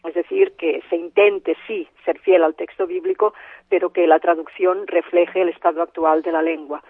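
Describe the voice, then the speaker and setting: A woman who translates the Bible joins a radio interview by phone, explaining her points thoughtfully but often repeating herself and trailing off. Her lowish voice is slightly rough, with fairly even intonation at normal speed. The recording is dry, over a tinny phone line.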